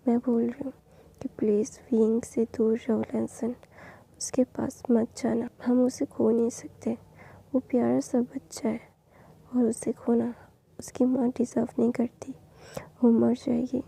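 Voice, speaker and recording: A woman voicing a stern, pleading mother in a hoarse whisper, in a storytelling narration. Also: on the high side, dark tone, exaggerated voice. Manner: pleading, insistent.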